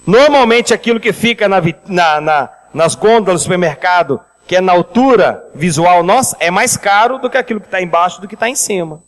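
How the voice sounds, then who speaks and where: A man preaching a seminar on finances, lively and speaking directly to the congregation. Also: high-pitched, fairly quick, few pauses, in a large hall, low-quality recording. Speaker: pastor leading a finance seminar. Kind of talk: sermon with storytelling.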